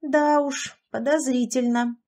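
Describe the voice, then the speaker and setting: A woman's voice: high voice, fairly even intonation, takes it slowly, darkish tone, voice pushed up. A woman voicing a brash, outspoken young woman teacher with blunt, exclamatory lines. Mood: puzzled.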